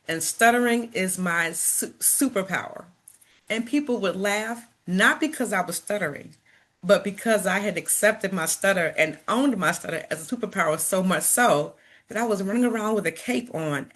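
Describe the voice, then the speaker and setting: In a mid-range, slightly bright voice, a middle-aged motivational speaker from Chicago, United States, addresses an audience with a personal talk. She stutters and repeats words, yet stays earnest and encouraging.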